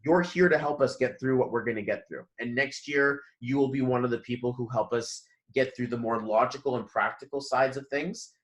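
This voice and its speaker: A man's voice: medium pitch, a little fast, hardly any pauses. A man giving a numerology reading in a loose, rambling chat, full of fillers and restarts. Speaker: numerology reader, guest. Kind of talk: casual spiritual chat.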